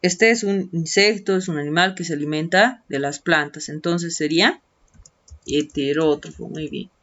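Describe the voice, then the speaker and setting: A woman's voice: low voice, moderate pace, fairly bright tone. Patient woman teacher explaining a textbook. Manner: patient, explains step by step, adds "¿no?" tags; stretches out key words while writing. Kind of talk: online lesson walkthrough of textbook activities. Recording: dull lo-fi screen-recording audio.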